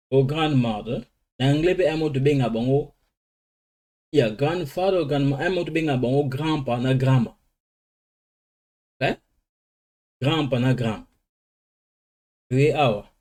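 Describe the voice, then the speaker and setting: Man slowly drilling English vocabulary. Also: medium pitch, dark tone. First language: Lingala. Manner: switches between languages, slow drilling of English words. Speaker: language teacher. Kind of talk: informal vocabulary lesson.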